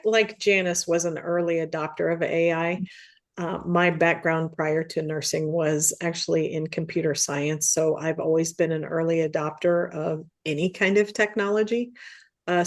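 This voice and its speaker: Low-voiced woman nurse panelist. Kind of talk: casual panel chat.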